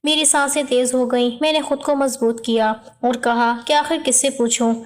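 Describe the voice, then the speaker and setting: High-voiced woman narrating a story. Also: fairly even intonation. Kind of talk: first-person scripted story narration.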